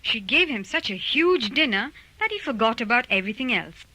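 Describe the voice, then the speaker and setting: Lively, bright woman telling a children's story. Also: a little high, fairly quick, no room sound, rough recording. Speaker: narrator. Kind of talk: scripted storybook narration for children.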